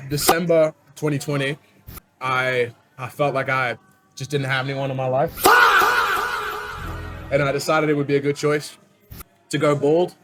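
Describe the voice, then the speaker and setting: A young man hosting a food challenge with casual, blunt, chatty banter. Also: a little high. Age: young adult. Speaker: host asking questions in a food challenge.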